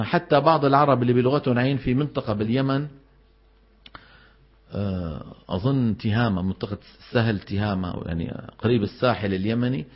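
A man teaching Quran recitation to a class, explaining in casual dialect and chanting example words slowly. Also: mid-range voice, muffled recording.

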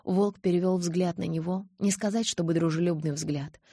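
A woman narrating a novel in the first person, expressive and lively. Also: lowish voice, normal speed, slightly rough, dry recording, clean studio sound. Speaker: audiobook narrator.

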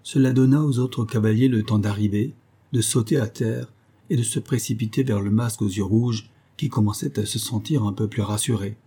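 A man narrating an audiobook in a steady, measured reading. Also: on the low side, slightly rough.

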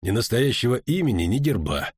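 A man voicing a gruff, terse male witcher in a low grumbling voice, reading an audiobook. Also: sing-song, fairly quick, darkish tone, dry recording, studio quality.

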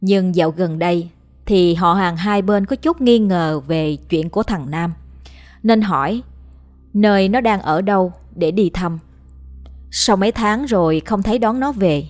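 A woman reading a ghost story aloud as a storyteller in steady scripted narration. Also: mid-range voice, a little slow. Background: faint music.

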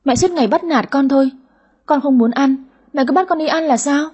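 A woman voicing a greedy, sulky daughter in her thirties with a high, whiny voice in an audio story. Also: a little fast, darkish tone, dull audio, lightly acted. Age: 30s. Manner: whiny, cheeky.

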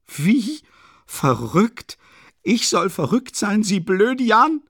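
A male audiobook reader voicing a frantic, hysterical impoverished woman who screams accusations in a high, strained falsetto. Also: flat delivery, moderate pace, warm tone, no room sound, studio quality, lightly acted. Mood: hysterical fury.

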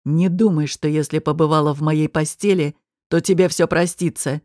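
A woman voicing a cold, cruel male gangster boss who threatens in a low hiss in an audiobook. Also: steady tone, moderate pace, a little mellow, no room sound, studio quality, natural voice. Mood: menacing.

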